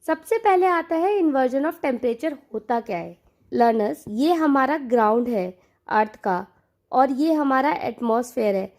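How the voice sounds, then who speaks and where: Woman doing an exam prep lesson, high voice, takes it slow, repeats the key words. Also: darkish tone. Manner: unhurried, repeats key terms, addresses viewers as learners. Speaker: online exam-prep teacher. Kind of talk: Hindi-English mixed lecture explaining to learners.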